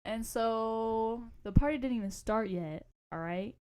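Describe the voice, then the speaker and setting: A woman's voice: on the high side, unhurried, darkish tone, clear, resonant tone. A young adult woman co-hosting a podcast, telling stories in a casual, slangy, rambling way and often losing her thread. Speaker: podcast co-host. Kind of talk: casual storytelling chat.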